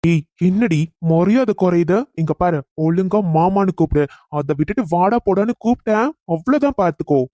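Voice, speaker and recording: A man's voice: high-pitched, a little fast, hardly any pauses, dry recording, close to an everyday voice. A man voicing a teasing, protective young cousin. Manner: teasing yet protective, talks gently to calm her. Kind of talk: cartoon voice acting.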